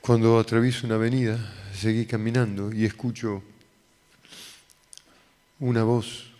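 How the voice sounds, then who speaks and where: A man's voice: lowish voice, flat delivery, a little slow, warm tone. A male pastor with an Argentine accent telling a personal testimony in a sermon, acting out the voices in his story. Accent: Argentine Spanish. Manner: storytelling, acting out dialogue with raised voice. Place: church hall. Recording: long hall reverb.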